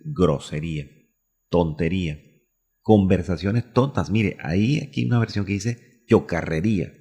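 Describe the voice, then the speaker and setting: A man's voice: deep voice, darkish tone, slightly rough, big-room sound. A man from Colombia preaching a radio sermon, asking himself questions and repeating phrases for emphasis. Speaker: pastor.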